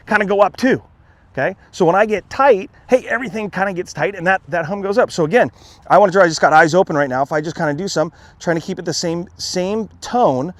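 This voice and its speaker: Golf coach guy on a putting green, kinda higher voice, dry close sound, keeps saying okay. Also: no room sound. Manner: relaxed, repeats "okay?" and "again", restarts words. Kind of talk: on-course instruction, demonstrating.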